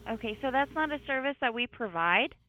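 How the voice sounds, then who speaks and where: A woman answers a business call as a receptionist. She stays polite and patient and often apologizes. Her voice sits a little high. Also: animated, a little fast, pushed and bright, lo-fi sound, a little hiss or hum. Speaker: customer service receptionist. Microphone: phone line.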